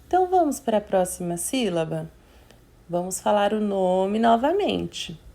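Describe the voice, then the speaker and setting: A woman teacher, guiding young children through a worksheet. She speaks slowly and patiently in a mid-pitched voice and breaks words into syllables. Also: sing-song, vocal fry, mellow. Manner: slow, patient, sounding out syllables. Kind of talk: remote literacy lesson for young children.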